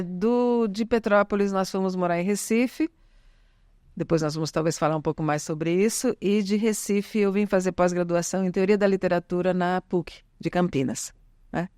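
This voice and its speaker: The middle-aged guest from Italy, whose native language is Italian, has a lowish, darkish voice that rings clear and resonant in a clean studio with no room sound. Chatting casually on the podcast, she meanders, corrects herself often, and keeps asking "né?".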